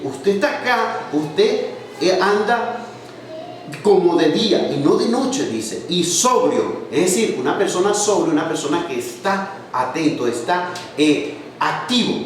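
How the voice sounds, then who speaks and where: A man preaching a sermon, reading scripture aloud and explaining it, asking questions for the congregation to answer. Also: high-pitched. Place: church hall. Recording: echoey hall, from far off, faint noise.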